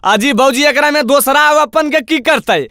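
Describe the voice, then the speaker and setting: A man's voice: extremely high pitch, moderate pace, background noise. A man with a Magahi accent acting in a village comedy skit, scolding and exclaiming at the people around him. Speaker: comic actor and singer.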